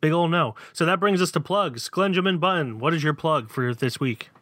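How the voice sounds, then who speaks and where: A man's voice: on the high side, normal speed, fairly bright tone, dry recording. Hesitant man reviewing in dry studio. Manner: hesitant, filler-heavy reviewing. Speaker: podcast co-host. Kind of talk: casual chat.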